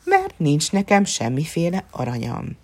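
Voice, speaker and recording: A crafty, good-humoured peasant from a storybook folk tale, read by a woman. He speaks low and calm, with a lively, teasing lilt that hides how much he knows. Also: breathy edge, exaggerated voice. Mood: sly. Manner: sly and easygoing. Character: poor cunning male peasant, cheeky and calm.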